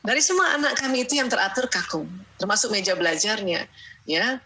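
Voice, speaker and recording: A middle-aged woman giving a lively talk on parenting, sharing family stories, laughing often and tagging her sentences with "ya". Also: medium pitch, a little fast, rough recording. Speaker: parenting speaker. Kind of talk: lively lecture with family anecdotes.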